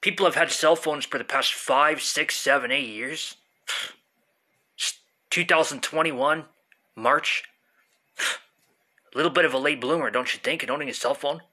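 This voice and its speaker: Husky stoned tough guy, man arguing with himself. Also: a little high, unhurried, pauses often, pushed and bright. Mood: weary contempt. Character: stoned, dismissive, sighing, hostile big tough guy. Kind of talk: comic self-argument skit. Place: small room indoors. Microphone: phone at arm's length.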